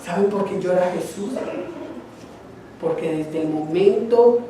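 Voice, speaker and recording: A man's voice: sits high, takes it slowly, mellow, a little hiss or hum. Colombian man preaching in an echoey hall. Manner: conversational, asks the congregation questions. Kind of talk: sermon. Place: church hall. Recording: echoey hall, distant mic.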